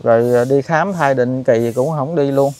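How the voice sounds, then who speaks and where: A man at an ordinary mid pitch, hosting a charity interview. He asks gentle questions, with faint noise behind him. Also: moderate pace. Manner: gentle questions, addresses viewers directly. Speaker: charity vlogger host. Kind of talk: conversational interview.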